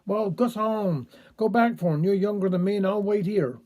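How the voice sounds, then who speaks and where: A gruff, suspicious old farmer barks out his orders, as a man puts him on. The voice runs high and mellow. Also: normal speed, natural voice.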